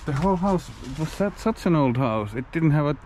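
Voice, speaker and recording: Poking around an abandoned house outside, a Finnish-native man thinks aloud in casual commentary, frequently starting sentences over. His voice is a little high, darkish and expressive, at a moderate pace. This urban explorer is captured on noisy outdoor camera audio.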